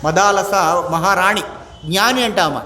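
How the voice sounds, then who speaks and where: A man teaching as a swami, giving a lively spiritual discourse full of rhetorical questions to his listeners and slowly chanted verses, with English words mixed into his talk. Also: high-pitched. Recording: echoey room, faint background noise.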